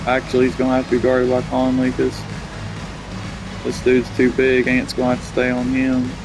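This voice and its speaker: Gravelly male gamer talking to himself. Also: mid-range voice, monotone, moderate pace, over music. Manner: casual, muttering to himself, swears. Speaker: gamer playing and commenting. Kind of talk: casual gameplay commentary.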